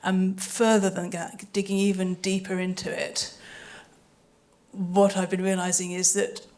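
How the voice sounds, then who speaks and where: A woman's mid-range, somewhat dark voice keeps a level tone and a measured pace as she talks on a panel in front of an audience. She works as a sound designer for audio dramas and explains in careful detail, at times phrasing things hesitantly.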